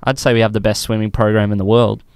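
Low, smooth-voiced Australian man. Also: flat delivery, quick pace, dry recording. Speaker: sports podcast host. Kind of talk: casual chat.

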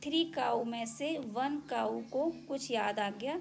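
A woman teacher giving a slow, patient counting lesson to young children. She counts objects aloud one by one and mixes English number words into her Hindi. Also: a little high, creaky.

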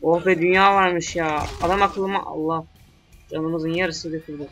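A young man commentating on his own gameplay in a bright, slightly high voice. He grumbles, curses and talks back at the game as he plays. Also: steady tone, unhurried, faint music behind. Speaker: gamer. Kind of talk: let's play commentary.

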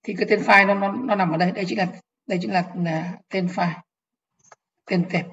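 A woman's voice: mid-range voice, steady tone, brisk, fairly bright tone, muffled recording. A woman teaching programming in an online lecture, explaining step by step, repeating key phrases and asking if the class follows.

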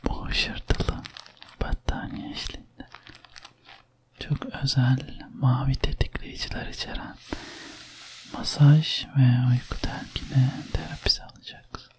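Slow whispering woman, ASMR whispered role-play. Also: extremely low pitch, very animated. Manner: whispering, soft ASMR delivery; slow, soothing, hushed. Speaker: ASMR massage and sleep therapist.

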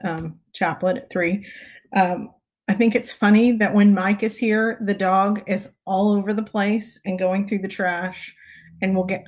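Raspy from too little sleep, a middle-aged Texan woman with a mid-range voice greets viewers in an easygoing way on her prayer livestream. She frequently clears her throat and lets out soft chuckles. She's in a home study lined with bookshelves, using a clip-on lapel mic and a webcam.

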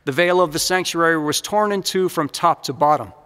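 A man reading the Passion Gospel aloud at Mass in a measured, proclaiming way, in a large church. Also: fairly high pitch, bright, forceful tone, clean tone. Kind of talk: solemn liturgical reading. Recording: church sound with long reverb.

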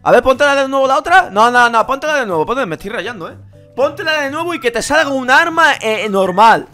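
A young man with a Spain Spanish accent, talking through a game over voice chat, haggling and bursting into rapid repeated shouts. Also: extremely high pitch, lively intonation, soft background music. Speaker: gaming streamer. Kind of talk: live gaming commentary with voice chat.

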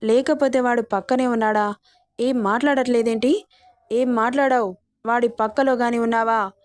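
A woman's voice: a little high, fairly even intonation, moderate pace, dry recording, studio quality, natural voice. Woman reading a cruel jealous man on the phone. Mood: accusing. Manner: accusing, vicious.

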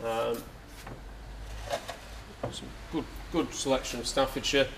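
Speaking slowly with vocal fry, this young Englishman has a mid-range voice and fairly even intonation, and the background is noisy. He's an auctioneer on a camera mic, strolling a big indoor saleroom for an informal sales preview, chatty yet hesitant with lots of fillers.

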